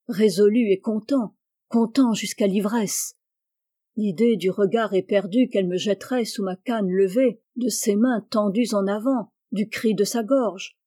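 A woman's voice: mid-range voice, warm tone, dry recording, studio quality, lightly acted. A woman voicing a tormented, jealous husband in a dramatic audiobook reading, with intense, obsessive outbursts. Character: jealous, tormented husband raging over his wife.

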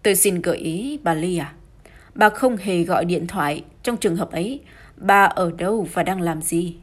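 A cool, stern police inspector presses his questions without hurry in an audiobook mystery, read by a woman. Her voice stays low and husky. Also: lightly acted. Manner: cool and unhurried. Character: calm stern police inspector, man, dry.

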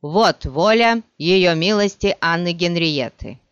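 A gloomy, weary court official, as a male narrator puts him on, coaxing in a low, soft voice in an audiobook. He talks slowly and patiently. The sound is dry and a touch muffled. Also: animated, clean tone, dry recording, exaggerated voice. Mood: proclaiming.

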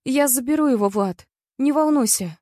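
A woman voicing a calm, detached young woman who speaks quietly and flatly in an audiobook. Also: high-pitched, normal speed, no echo, studio quality, pitched above the performer's own voice, close to an everyday voice.

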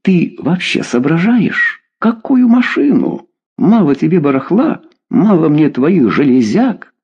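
A male reader voicing an exasperated middle-aged wife who scolds her husband in a high, shrill voice. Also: huge pitch swings, measured pace, mellow, slightly rough, lo-fi sound, heavily acted.

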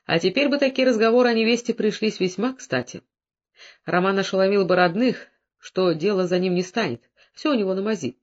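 Steady audiobook narrator on a muffled recording. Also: medium pitch, brisk. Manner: steady storytelling. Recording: dull lo-fi recording.

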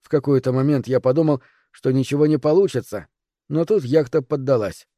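A man reading a first-person audiobook in a measured, even voice. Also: mid-range voice, dry recording, clean studio sound. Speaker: audiobook narrator. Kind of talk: scripted first-person narration.

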